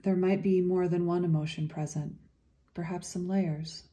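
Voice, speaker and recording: A woman with a low, steady voice leads a guided meditation. She speaks soothingly and without rushing, leaving long gaps between her phrases.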